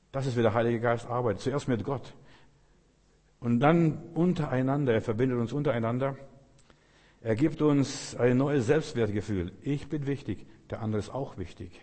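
Fervent preacher man in a reverberant hall. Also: mid-range voice. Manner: fervent, swings from soft murmurs to loud outbursts. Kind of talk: sermon.

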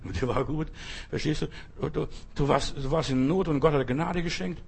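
A man preaches at a church service, his voice sitting a little high with a husky edge. He speaks emphatically and talks straight to his listeners, urging them on. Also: normal speed. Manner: emphatic, addresses listeners directly. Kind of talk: sermon.

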